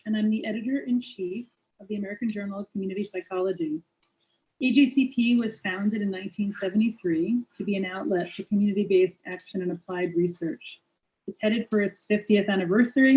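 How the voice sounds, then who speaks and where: A woman editor-in-chief giving a formal, measured recorded video address. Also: medium pitch, mellow, dull audio.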